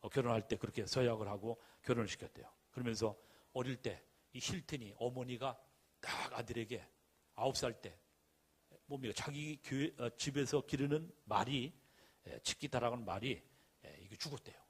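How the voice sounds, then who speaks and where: Male pastor, middle-aged, husky tone, emphatic sermon delivery with rhetorical questions and repeated exhortations. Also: mid-range voice, normal speed.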